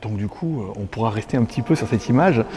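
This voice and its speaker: A man's voice: fairly low pitch, animated, fast talker, mellow, a little hiss or hum. A man casually vlogging his way through an exhibition, chatty and loose, with frequent laughs and fillers. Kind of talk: casual vlog commentary. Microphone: handheld camera on a stabilizer.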